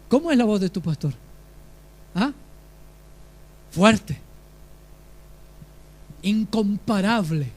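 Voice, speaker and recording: A man delivers a sermon as a pastor, with a voice pitched unusually high for a man. He preaches with emphasis and keeps turning to the congregation with questions.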